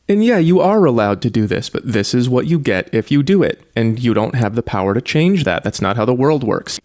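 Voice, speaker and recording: A man with a somewhat low voice talks straight to camera in a scripted self-improvement explainer. His delivery is blunt and matter-of-fact. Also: darkish tone. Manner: blunt, matter-of-fact, mimics others in quoted anecdotes. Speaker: self-improvement video host.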